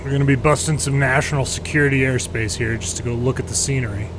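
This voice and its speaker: A fast-talking American man with a medium-pitched voice delivers casual, sardonic game commentary, tossing in exasperated asides. He hosts gaming videos and is a pilot and former air traffic controller. A steady hum and background noise run under the recording.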